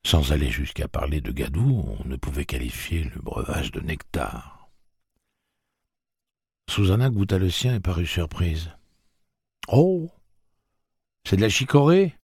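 A man reading an audiobook in a slow, measured narration. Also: extremely low pitch, animated, vocal fry, darkish tone, breathy edge, no echo, studio quality. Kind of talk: scripted narration.

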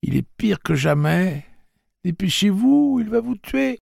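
A man's voice: fairly high pitch, steady tone, normal speed, gravelly, slightly rough, no room sound, clean studio sound, voice pushed up. A man voicing a small childlike train computer that urgently pleads for them to hurry.

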